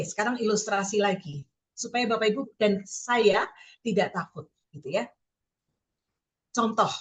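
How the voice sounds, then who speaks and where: Woman teaching scripture, fairly high voice. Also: poor audio. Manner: addresses listeners directly, often asks them questions; reads scripture slowly and stresses key words. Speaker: Bible study teacher. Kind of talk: sermon-style teaching. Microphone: online meeting with listeners muted.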